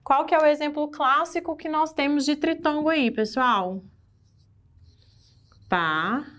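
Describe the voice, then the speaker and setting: Brazilian woman teacher, somewhat high voice, lively exam-prep lesson that keeps quizzing the class. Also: a little slow. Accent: Brazilian Portuguese. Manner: lively, asks the class questions. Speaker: Portuguese-language teacher.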